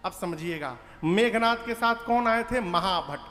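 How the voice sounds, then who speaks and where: A man's voice: sits high, expressive, a little slow, pushed and bright. A man telling a devotional epic story in a dramatic way, acting out the characters. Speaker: religious storyteller. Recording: reverberant hall with faint music.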